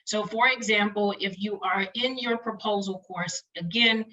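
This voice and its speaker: A woman presenting a webinar to doctoral students, talking quickly in a chatty, friendly lecturing way over a computer mic. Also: medium pitch, fairly even intonation, bright, forceful tone, dull audio.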